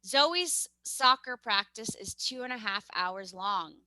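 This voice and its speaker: A woman's voice: medium pitch, expressive, slow pace, sharp tone, no echo. A young woman with a New York accent teaching a math lesson over a video call, chatty and upbeat, often correcting herself.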